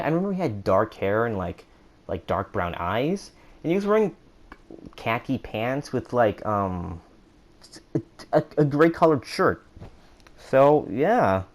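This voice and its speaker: Rambling young man telling a story. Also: darkish tone. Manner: rambling, with many restarts and acted-out quotes in a higher voice. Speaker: vlogger. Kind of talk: casual storytime monologue.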